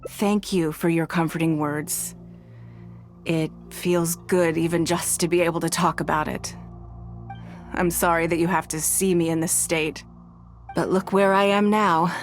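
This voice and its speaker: In a video game, an actress plays a wealthy businesswoman and leader who is poised, composed and measured. Her manner is elegant and self-assured, and her voice sits on the low side.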